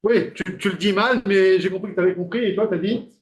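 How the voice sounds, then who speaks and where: A lecturer teaching a class, his voice pitched high for a man. He keeps it conversational, firing questions at the room and leaning on filler sounds between ideas. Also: brisk.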